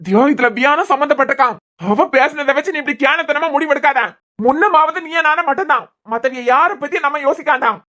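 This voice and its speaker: A voice actor playing a young husband in a cartoon serial, with a Kanyakumari Tamil accent, pleading and trying to calm his wife. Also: mid-range voice, quick pace, close to an everyday voice. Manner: pleading, soothing, insistent.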